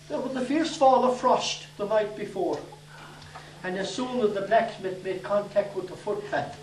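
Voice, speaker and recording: A man's voice: high-pitched, a little mellow, slight background noise. An older man with an Irish accent telling comic stories to a live audience, leisurely and dryly humorous. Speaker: storyteller. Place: day centre hall. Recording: echoey room from far off.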